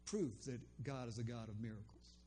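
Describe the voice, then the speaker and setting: Briskly and in a warm, medium-pitched voice, an older man shares a personal faith story about a conversation, with a little hiss or hum in the background. It's casual spoken testimony, rambling and full of ums and restarts.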